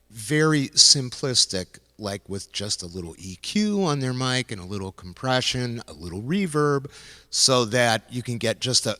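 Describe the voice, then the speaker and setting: A man's voice: medium pitch, sharp tone, in a large hall. A man hosting a casual gear talk, rambling loosely with frequent restarts as he speaks into a handheld vocal mic. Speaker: host demonstrating music gear. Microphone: handheld vocal mic into a loop station.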